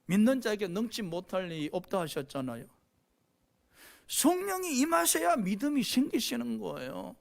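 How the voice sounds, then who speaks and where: Preaching with passion, a pastor keeps prompting the congregation with a rhetorical, questioning "eh?". His medium-pitched voice is sing-song and gravelly, at a normal speed.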